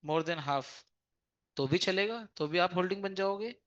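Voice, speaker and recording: A man's voice: high-pitched, unhurried, fairly bright tone. A male exam-prep teacher giving an emphatic classroom lecture, often asking his students rhetorical questions and mixing English legal terms into his explanations. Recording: dull lo-fi lecture recording.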